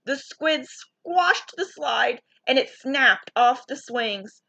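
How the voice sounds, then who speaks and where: A woman reads a children's story aloud in a high, bright voice. She is very animated, taking her time and checking in with questions for the listeners. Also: takes it slowly, vocal fry.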